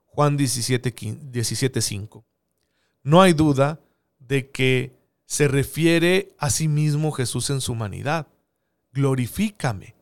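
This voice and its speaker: A man giving an earnest theological teaching talk, often asking rhetorical questions. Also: a little high. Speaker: preacher.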